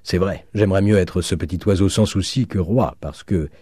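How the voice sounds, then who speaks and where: A male narrator voicing a dull, slow-witted old lodger with a plodding delivery. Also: low voice, mellow, husky, no room sound, studio quality. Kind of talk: audiobook reading.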